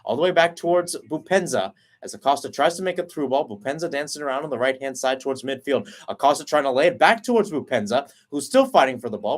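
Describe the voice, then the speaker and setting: Here a man at the commentary mic delivers quick, steady play-by-play of a soccer match, his voice climbing in pitch and energy when an opportunity appears. For a man, his pitch is plainly mid-range.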